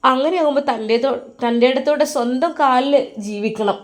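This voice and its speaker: A woman's voice: high-pitched, moderate pace. A woman narrating a dramatic family story in an emotive, announcing way.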